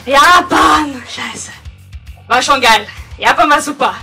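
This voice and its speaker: A young woman with a Viennese accent, a wrestling champion shouting an excited promo to the crowd in a basement venue. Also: high voice, slow pace, vocal fry, loud music behind the voice. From Vienna, Austria. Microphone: handheld mic, heard from a distance. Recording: distant live venue sound.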